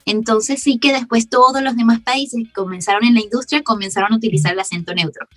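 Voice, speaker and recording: A woman from Venezuela with a softened Caracas accent, a voice actress explaining her craft in a casual podcast interview, often breaking into laughter. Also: fairly high pitch, fairly even intonation, fast talker, dry recording, faint music behind. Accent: Caracas Venezuelan Spanish, softened. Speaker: voice actress guest.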